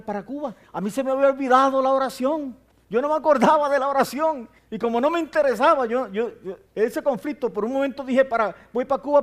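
An older male preacher with a notably high-pitched voice. He tells a personal testimony in a storytelling way, acting out the dialogue.

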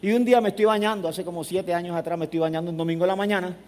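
High-voiced man preaching in a reverberant church. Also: racing. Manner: animated storytelling, swinging from hushed to loud. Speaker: pastor. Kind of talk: sermon. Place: church sanctuary. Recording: long hall reverb.

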